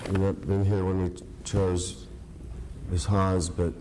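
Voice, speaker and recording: A man speaking as an official in a government meeting, halting and hesitant, with a quiver in his voice. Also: sits low, level tone, warm tone, slight background noise, low-quality recording. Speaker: county official. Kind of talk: unscripted formal remarks at a government meeting. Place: indoor government meeting room.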